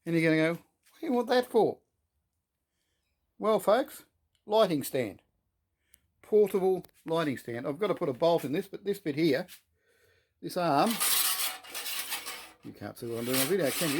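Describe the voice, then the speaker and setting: A man chats to viewers as he potters around his workshop. His delivery is folksy and self-deprecating, as if half talking to himself. There is some light noise in the background of the recording. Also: a little high. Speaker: host of a workshop video update. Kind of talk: casual workshop vlog, talking while working. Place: workshop shed.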